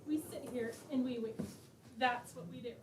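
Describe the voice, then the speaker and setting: A woman's voice: fairly high pitch, moderate pace, noisy background, close to an everyday voice. A woman playing a domineering, impatient wife in an absurdist stage play, curt and commanding. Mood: impatient, scolding. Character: bossy, impatient, domineering wife called Mommy. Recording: echoey stage, far off, loud music.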